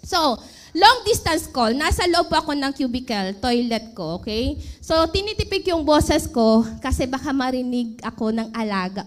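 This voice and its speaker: A woman from the Philippines in her thirties, telling her story of working abroad and asking her audience questions. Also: high-pitched. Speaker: former overseas worker. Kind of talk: emotional personal testimony.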